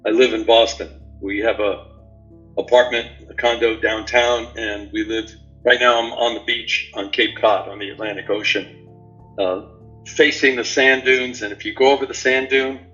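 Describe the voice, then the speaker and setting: A man in his seventies from New York City, a guest answering interview questions in an unhurried, rambling way with many fillers. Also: mid-range voice, sharp tone, muffled recording. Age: 70s. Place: remote call from a beach house.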